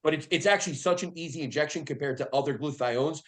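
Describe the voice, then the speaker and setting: A man's voice: a little high, quick pace. A man hosting a casual podcast as a coach, talking frankly with easy laughter and casual swearing.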